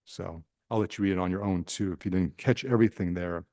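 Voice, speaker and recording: A low-pitched, darkish male voice, a priest with a Nebraskan accent, talks informally to a retreat group. His delivery is halting, with many fillers and restarts, and he questions the room; no room sound is audible.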